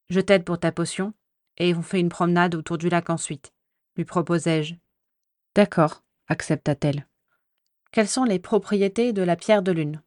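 A woman's voice: fairly low pitch, darkish tone, no echo, clean studio sound. A woman steadily reading a first-person story aloud. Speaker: reader.

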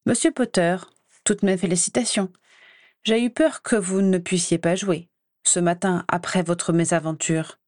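A stern older woman professor speaks with formal, measured politeness in a storybook reading, as a woman reader voices her. The recording is dry and close. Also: on the low side, steady tone, darkish tone, no room sound, close to an everyday voice. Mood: approving.

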